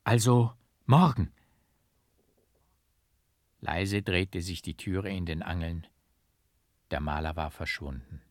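A man reading a classic novel aloud as an audiobook, in a slow, hushed, brooding dramatic manner. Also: sits low, steady tone, dry recording, clean studio sound. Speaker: audiobook narrator.

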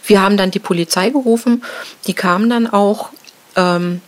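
A middle-aged woman recounts a traumatic event in an interview. She talks in a halting way, with fillers and restarts, and her pitch sits in a middle range for a woman. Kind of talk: emotional personal account.

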